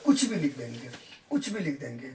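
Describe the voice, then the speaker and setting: A teacher working through a maths lesson, repeating every step and pausing to ask whether the class has understood. The voice sits at a middle pitch and comes from some distance from the mic in an echoey room. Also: sing-song, a little mellow, a little hiss or hum. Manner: repeats each step and checks in with students; counts numbers out in English within Hindi talk.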